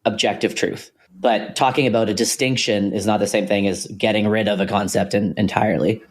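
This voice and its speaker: A man co-hosting a podcast, talking through ideas in a thoughtful, hesitant way with many pauses and restarts. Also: fairly low pitch, fairly even intonation, slightly rough. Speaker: podcast co-host. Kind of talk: casual philosophical conversation.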